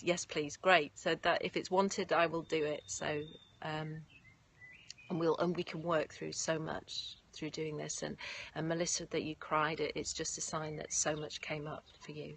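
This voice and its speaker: Gentle woman, yoga teacher. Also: sits low. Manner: gentle, effusive, often laughing. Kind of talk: guided meditation and live-stream chat. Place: outdoors in nature. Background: faint birds and distant traffic.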